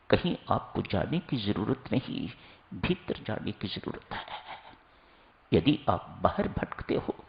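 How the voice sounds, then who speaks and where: A man giving a slow, instructive sermon, addressing his listeners as seekers. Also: mid-range voice, creaky, muffled recording. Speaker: spiritual preacher.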